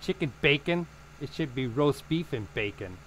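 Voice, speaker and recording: A man chats over a farming game stream, his pitch swinging widely as he exclaims and curses at the game. He teases his friends in quick, offhand remarks. Faint background noise sits under his voice. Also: animated, fairly bright tone, rough recording. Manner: swears often, quick exclamations, teasing. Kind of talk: casual gaming chat.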